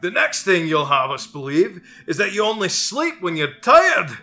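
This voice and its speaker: A man voicing an impatient male math wizard who lectures loudly and commandingly, with faint guitar music behind. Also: high voice, very animated, moderate pace, pitched above the performer's own voice, heavily acted.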